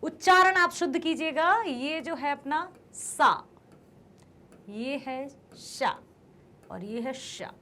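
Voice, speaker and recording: A woman's voice: high-pitched, a little slow, hardly any pauses, pushed and bright, slight background noise. A woman teacher going through quiz questions with students, asking questions, praising their answers and stressing careful pronunciation. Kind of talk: Hindi quiz lesson for students.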